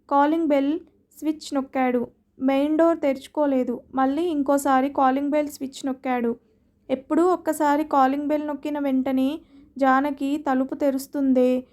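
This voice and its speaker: High-voiced woman narrating a story. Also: darkish tone.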